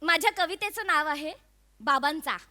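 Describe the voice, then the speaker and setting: A woman's voice: high-pitched, normal speed, very noisy, lightly acted. An actress playing a doting young daughter in a stage comedy sketch, fussing over her father and reading him a poem. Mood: fussy.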